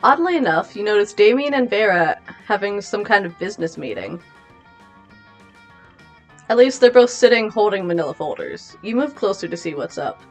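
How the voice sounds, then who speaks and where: Young woman, playful, animated, casual gameplay chat, reading text aloud, very lively pitch. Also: moderate pace, faint music behind. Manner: playful, animated, reads with expression. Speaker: gamer.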